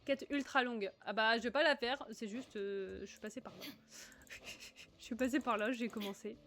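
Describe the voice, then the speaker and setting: Over slight background noise, a woman from northern France talks at a normal speed in a fairly high voice while gaming on her livestream. She keeps up a chatty flow with viewers, reads their messages out loud, and erupts now and then in excited outbursts.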